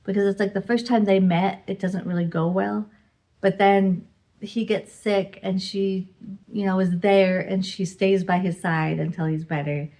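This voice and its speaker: A woman's voice: mid-range voice, fairly even intonation, a little slow, mellow. A woman casually reviewing the books she read this month in a rambling vlog, with lots of "like" and "you know". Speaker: book reviewer.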